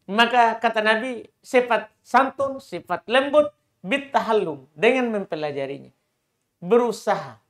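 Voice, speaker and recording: A man's voice: sits high, lively intonation, a little slow, a bit bright. Male preacher, emphatic repetition. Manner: repeats key phrases, voice rising sharply for emphasis. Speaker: Islamic preacher. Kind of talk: religious lecture with Q&A.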